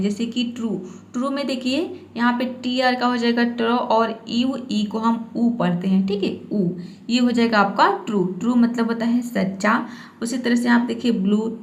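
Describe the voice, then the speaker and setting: A woman teaching English pronunciation rules step by step, often adding a quick "theek hai" to check in. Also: on the high side, roomy sound. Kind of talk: spoken phonics lesson.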